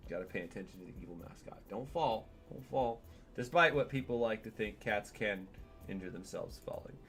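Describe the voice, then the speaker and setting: A man's voice: on the low side, expressive, brisk, a bit bright, faint music behind. A man streaming a game from home, chatting in a digressive way and talking to his cat as he plays. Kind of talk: casual gameplay stream commentary.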